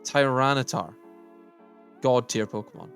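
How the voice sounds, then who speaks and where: A man's voice: mid-range voice, unhurried, faint music behind. A man giving casual, opinionated tier-list commentary, thinking aloud as he sorts. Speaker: gaming YouTuber.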